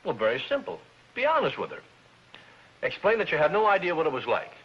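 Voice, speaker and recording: A man's voice: fairly high pitch, huge pitch swings, quick pace, breathy edge, exaggerated voice. A man playing a jovial, wisecracking male neighbor in a 1950s radio sitcom. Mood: teasing. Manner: jovial and teasing. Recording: dull lo-fi old radio broadcast with hiss.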